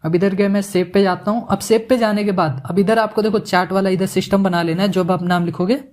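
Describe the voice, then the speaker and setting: A man giving a casual, joking software tutorial, mixing English words into his Hindi as he works. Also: sits high, steady tone, fast talker. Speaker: animation tutorial instructor.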